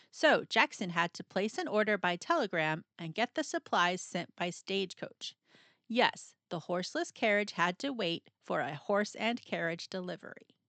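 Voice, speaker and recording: Reading a children's picture book aloud, a woman uses a medium-pitched voice and a playful, expressive storytelling style full of dramatic pauses and emphasis. The recording has no echo.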